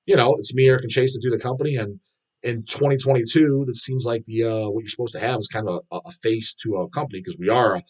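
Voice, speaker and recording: A man's voice: medium pitch, fast talker. Blunt, profane man rambling on stream. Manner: rambling and heavily profane, many restarts and fillers; blunt, mocking gym talk. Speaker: streamer answering viewer questions. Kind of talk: casual live-stream Q&A.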